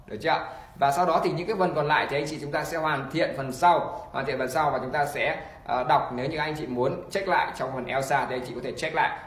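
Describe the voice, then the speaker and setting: A man teaching an online pronunciation lesson, repeating example words slowly and encouraging learners. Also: mid-range voice, a bit bright. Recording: echoey room.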